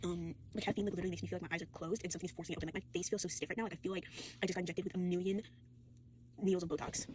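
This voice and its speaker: A woman's voice: fairly low pitch, steady tone, rapid-fire, a little mellow, slight background noise. A tired, sore teenage girl rambling casually to a phone, full of fillers, restarts and swearing. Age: late teens. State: fatigued and sore. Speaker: vlogger.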